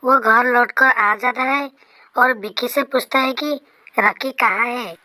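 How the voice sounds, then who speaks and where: A woman narrating a Hindi horror story in a steady, suspenseful way. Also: fairly high pitch, unhurried, poor audio.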